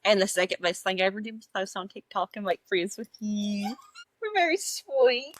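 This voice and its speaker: A woman's voice: mid-range voice, flat delivery, a little fast, dry recording. A young woman co-hosting a podcast in casual, chatty talk, giggling often and using lots of filler words. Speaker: podcast co-host. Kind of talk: casual chat.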